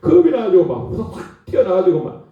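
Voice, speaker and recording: A male pastor preaching a sermon, telling stories with animated delivery and often prompting his listeners with a quick "eh?". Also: high-pitched. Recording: echoey hall, distant mic, dull sound.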